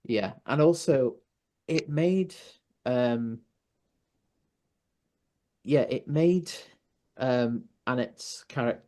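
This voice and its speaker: A man with a North Welsh accent, a podcast guest chatting casually, hesitant with many pauses and restarts. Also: mid-range voice, darkish tone. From North Wales. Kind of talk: casual chat.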